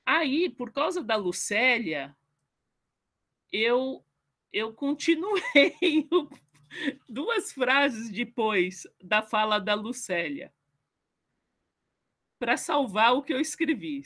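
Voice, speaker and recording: A woman on a video call in an online book club, chatting casually and self-deprecatingly, and reading her own short poem slowly. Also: fairly high pitch, very animated, a bit bright. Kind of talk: casual online group chat. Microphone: computer mic on a video call.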